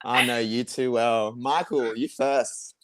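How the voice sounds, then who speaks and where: A man's voice: medium pitch, steady tone, slow pace, a bit bright. A young Australian man chatting casually as a guest. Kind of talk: casual chat.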